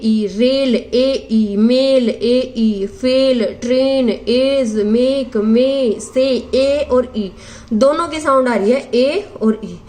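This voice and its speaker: A young woman teaching a phonetics lesson for exam prep, sounding out words slowly and answering her own questions. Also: high-pitched.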